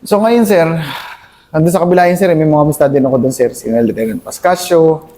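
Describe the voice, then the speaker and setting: A young man, a Filipino soldier, recounts a battle in a halting interview, calling his listener sir at nearly every pause. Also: on the high side, mellow. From Philippines. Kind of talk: conversational war story interview.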